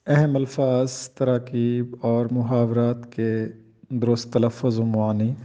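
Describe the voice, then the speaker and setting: A male teacher giving a pronunciation lecture, enunciating each word carefully and deliberately. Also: mid-range voice, level tone, warm tone, muffled recording. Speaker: Urdu teacher.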